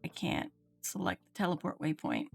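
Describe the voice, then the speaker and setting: With video game music in the background, a game streamer chats casually as she plays, reasoning out loud and playfully imitating lines she reads from the game. She has a lowish voice with vocal fry, huge swings in pitch, and a moderate pace.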